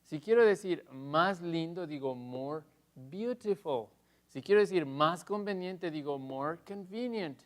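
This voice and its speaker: A man teaching English grammar in Spanish in a televised lesson, explaining step by step and loudly stressing each English example. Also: high-pitched, unhurried, few pauses.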